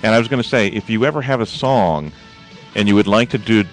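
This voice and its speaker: A man hosting a radio call-in show, easygoing and joking, with quick agreeing interjections. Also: lowish voice, soft background music, poor audio.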